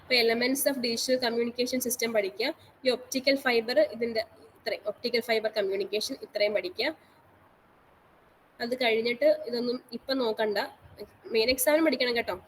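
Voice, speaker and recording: A woman's voice: on the high side, fairly even intonation, normal speed, slight background noise, poor audio. Repetitive woman teacher, online class. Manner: repetitive, instructive, mixes English terms into speech. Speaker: college teacher. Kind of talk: online class lecture on exam syllabus.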